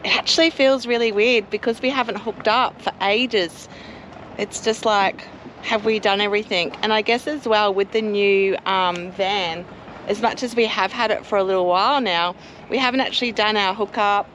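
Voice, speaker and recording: Hoarse woman vlogging. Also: mid-range voice, a bit bright, slight background noise. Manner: chatty, self-mocking. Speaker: travel vlogger. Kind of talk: casual chat. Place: outdoors at a caravan park.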